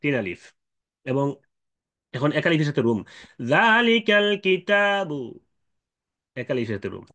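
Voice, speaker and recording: A man teaching Quran recitation rules, explaining patiently with fillers and checking questions, and chanting drawn-out examples. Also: medium pitch. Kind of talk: explanatory tajweed lesson.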